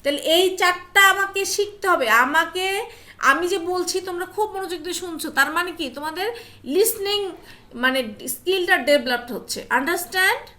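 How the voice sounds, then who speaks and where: A woman's voice: very high voice, normal speed, sharp tone. A woman teacher leading an online class, coaxing her students with questions and mixing English phrases into her talk.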